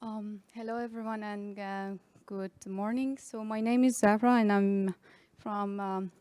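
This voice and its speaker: Young woman, from Afghanistan, student, hesitant, many fillers, smooth clear voice. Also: mid-range voice, fairly even intonation, unhurried, warm tone. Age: young adult. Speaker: forum participant, student. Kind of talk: casual self-introduction.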